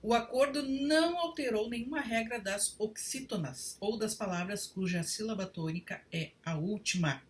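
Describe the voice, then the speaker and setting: A woman giving a read-aloud grammar lesson, spelling out spelling rules one word at a time in a deliberate way. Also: mid-range voice, far from the mic. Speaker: Portuguese writing teacher.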